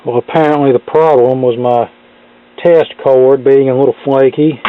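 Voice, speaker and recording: Talking casually through a hands-on repair, a middle-aged hobbyist electronics repairman hosts a video from his workshop in a plainspoken, folksy manner. His mid-range voice is steady and normally paced, over a noisy background. The audio is phone-like, narrow and tinny, recorded close and dry.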